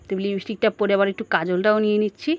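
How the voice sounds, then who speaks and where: A woman's voice: mid-range voice, little pitch movement, very fast. Chatty woman vlogger talking to viewers. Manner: chatty, talks straight to viewers, asking them questions. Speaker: family vlogger. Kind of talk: casual narrated home and outing vlog.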